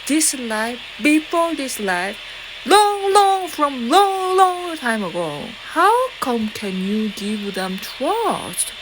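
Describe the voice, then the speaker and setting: A woman with a Korean accent speaks directly to her viewers in a rambling, defiant manner, swearing and filling her talk with fillers and restarts. Her voice sits high and her pace is slow, with loud, steady background noise throughout.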